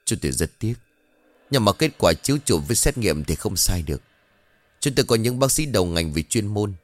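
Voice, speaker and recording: A man voicing a measured, formal doctor who breaks bad news in a story. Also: lowish voice, big pitch swings, no room sound. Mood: solemn. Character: calm middle-aged male doctor.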